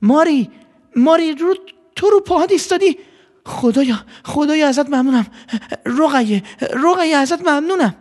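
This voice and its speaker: A man doing a shrill, overjoyed mother. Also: expressive. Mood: tearful joy. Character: overjoyed mother, middle-aged woman, weeping thanks. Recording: long hall reverb.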